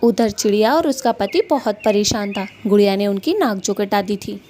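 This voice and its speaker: A woman's voice: medium pitch, expressive, moderate pace, background noise. A woman narrating a cartoon story in a plain storytelling manner.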